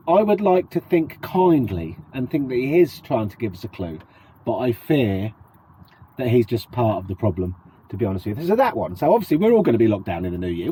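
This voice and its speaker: Here the vlogger is a middle-aged British man with a cold, casually addressing the camera and asking his viewers things. His medium-pitched voice has a dark, sniffly tone and a British accent, captured in a low-quality recording with slight background noise.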